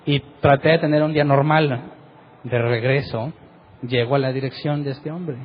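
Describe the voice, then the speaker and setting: A man's voice: mid-range voice, steady tone, normal speed, highs cut off. A middle-aged man gives a sermon as pastor, telling a personal story vividly and often tagging his sentences with a question. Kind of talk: sermon testimony.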